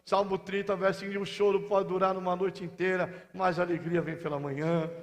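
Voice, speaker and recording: A man with a Brazilian Portuguese accent preaching a sermon as pastor, fervent, moving between soft intimate asides and loud shouted passages. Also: high voice, flat delivery, a little fast. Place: large church hall. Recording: long church hall reverb.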